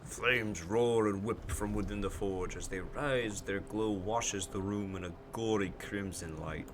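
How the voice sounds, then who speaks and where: A man's voice: lowish voice, measured pace, noisy background. A man hosting a let's play, reading narration aloud and commenting on the game. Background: game music.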